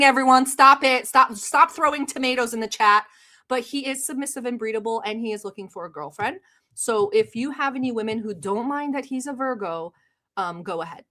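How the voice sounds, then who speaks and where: Her pitch is fairly high and a bit bright: a woman born in Turkey, with Turkish as her first language, chatting on a live stream as a reaction streamer. She reads the chat aloud and laughs often.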